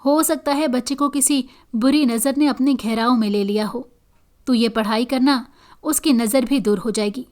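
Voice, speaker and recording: A woman voicing an older female spiritual healer who gives calm, confident advice in a horror storybook reading. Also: high voice, lightly acted. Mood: reassuring.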